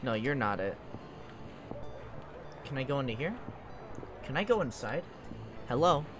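A man's voice: medium pitch, sing-song, a little slow. A man giving casual playthrough commentary, thinking aloud informally as he goes. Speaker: gamer. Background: game music.

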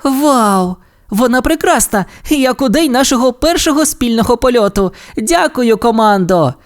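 A woman's voice: fairly high pitch, moderate pace, voice pushed up, lightly acted. A woman doing a spirited girl stunt pilot. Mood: excited. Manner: excited and exclamatory. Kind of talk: audiobook character voice.

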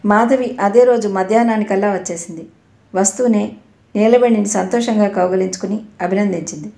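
A woman narrating a novel in a steady, expressive reading style, in an echoey room. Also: medium pitch, fairly quick, creaky. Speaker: audiobook narrator.

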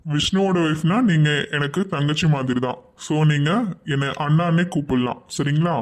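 A man's voice: fairly high pitch, normal speed, lightly acted. A man playing a courteous company boss. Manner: courteous, reassuring. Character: courteous company boss, warm to staff families. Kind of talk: cartoon voice acting.

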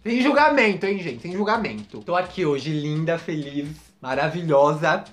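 A man's voice: on the high side, animated, normal speed. Campy gossiping man. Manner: gossipy, dramatic, campy, addresses viewers as "gente" and "menina". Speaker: vlogger. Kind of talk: casual storytelling to camera.

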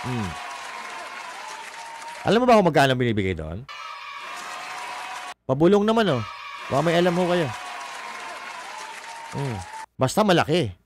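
A man's voice: fairly high pitch, sing-song, a little slow, pauses often, crowd noise, background noise. A man doing casual political commentary on a livestream, mocking and combative, swearing and reading viewer comments aloud. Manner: mocking, combative, swears, laughs at own jokes.

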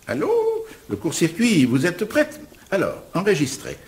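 A pompous storyteller dictating by phone. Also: male voice, a little high, very animated, normal speed. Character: man dictating a melodramatic story over the phone. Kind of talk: mock-dramatic narration.

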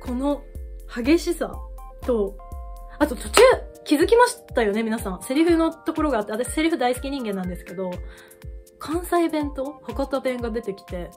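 A woman hosting a reaction video, reacting with excited exclamations and then talking through her thoughts casually. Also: high voice, moderate pace, faint music behind.

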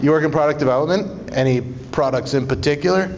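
A man's voice: a little high, fast talker, darkish tone, a little hiss or hum. Stand-up comic, male, loose sweary crowd-work banter; muffled live sound in a reverberant room. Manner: casual, conversational, profane. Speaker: stand-up comedian. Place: small live comedy show in a climbing gym. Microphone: handheld stage microphone, recorded from the audience. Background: audience laughter.

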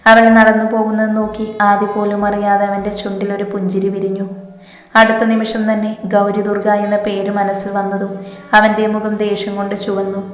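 A woman narrating a romance story in a steady, even storytelling manner. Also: medium pitch, moderate pace. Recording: echoey reverberant hall with music.

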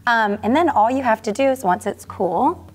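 A woman's voice: fairly high pitch, lively intonation, normal speed, a little hiss or hum. A woman guest on a lifestyle show, chatting enthusiastically while walking through a recipe step by step. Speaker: food business founder, guest. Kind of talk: casual how-to demonstration.

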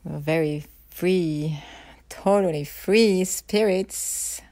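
A woman speaking softly and intimately, right in the listener's ear, guiding a tender visualisation for a partner. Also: fairly low pitch, drawn-out words, no room sound. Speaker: guide of a self-love ritual.

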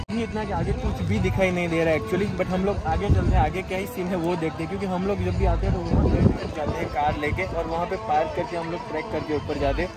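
A young man chatting casually to viewers as he vlogs a trip on a foggy rainy hilltop. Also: on the high side. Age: young adult. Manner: chatty, addresses viewers as guys. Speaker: travel vlogger. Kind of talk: casual travel vlog. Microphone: handheld phone at arm's length. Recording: outdoor phone recording with clear background noise.

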